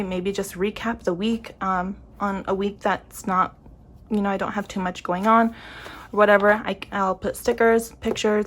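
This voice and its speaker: Soft-spoken and slightly emotional, a young planner vlogger talks casually to the camera about her planners in a mid-range voice. She frequently trails off and restarts, with a faint hiss or hum in the background.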